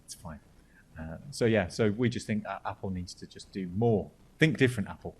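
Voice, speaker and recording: A man's voice: fairly low pitch, moderate pace, heavy background noise. A man hosting a casual podcast chat, joking and restarting his sentences often. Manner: jokey, rambling, with repeated restarts. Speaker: podcast host.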